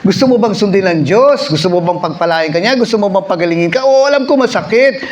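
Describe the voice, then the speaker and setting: A male preacher with a high voice delivers a sermon in a church. He tells the story with lively repetition and acts out the people in it. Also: fast. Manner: storytelling, acts out voices, repeats phrases for effect. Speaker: pastor.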